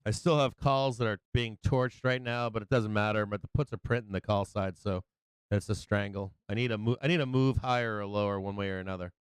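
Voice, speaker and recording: A man's voice: on the low side, steady tone, a little fast, clear, resonant tone, dry recording. A man hosting a live trading show with casual, blunt, profane and slangy commentary, often joking as he goes. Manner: jokey, chuckles often at own remarks. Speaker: host of a live stock market show.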